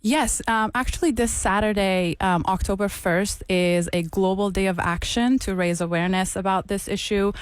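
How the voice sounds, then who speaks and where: A woman's voice: medium pitch, steady tone, moderate pace, few pauses, clear, resonant tone, no room sound. A woman speaking earnestly as an activist guest in a radio interview, repeating phrases for emphasis. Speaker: interview guest, mental health clinician and activist. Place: radio studio.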